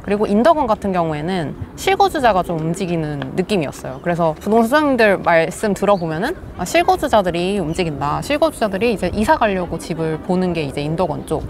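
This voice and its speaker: A woman's voice: lowish voice, a little hiss or hum. A woman casually describing property site visits, chatting conversationally with small laughs. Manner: reports field visits conversationally, soft laughs. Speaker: real estate guest. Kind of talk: casual discussion.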